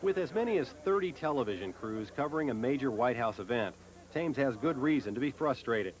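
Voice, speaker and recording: A man, a news correspondent, narrating a scripted news report in a measured way. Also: medium pitch, animated, poor audio.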